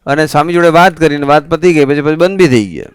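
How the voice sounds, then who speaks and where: A monk preaching a sermon to a family assembly, telling stories in an animated, conversational way. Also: male voice, on the high side, fast talker, clear, resonant tone, no echo. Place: assembly hall at a resort.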